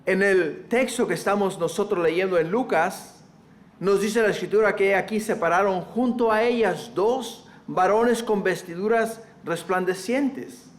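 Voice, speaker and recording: A pastor delivers his sermon in a notably high male voice. He takes his time, unhurried and measured. He keeps asking rhetorical questions and calls the listeners brothers and sisters. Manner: repeats rhetorical questions to the congregation.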